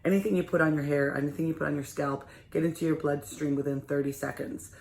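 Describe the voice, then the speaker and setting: A woman's voice: deep voice, fairly even intonation, quick pace, creaky, a little mellow. A hairdresser woman with a slight lisp walks viewers through a hair care routine in a casual, chatty way. She sounds roomy and echoey, recorded at a salon shampoo bowl with faint background noise. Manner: chatty, addresses viewers as you guys. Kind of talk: hair care tutorial vlog.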